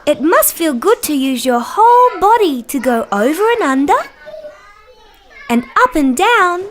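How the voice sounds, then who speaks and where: A woman voicing a cheerful young female dinosaur who gently presents to small children in a slow, sing-song, wonder-filled way. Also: very high voice, big pitch swings, slight background noise, heavily acted. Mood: bubbly, encouraging. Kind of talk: children's show scripted narration.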